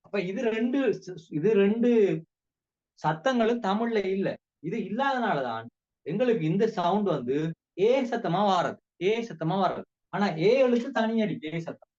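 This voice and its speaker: A man with a Sri Lankan Tamil accent giving a casual spoken language lesson, repeating words slowly for drill. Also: high voice, a little mellow, dull audio. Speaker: language teacher.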